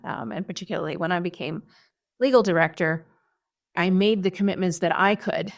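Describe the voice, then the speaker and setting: A middle-aged woman lawyer speaks with a slightly low voice. She is thoughtful and frank, with a dry, wry humor. She answers interview questions at an even pace. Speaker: human rights lawyer.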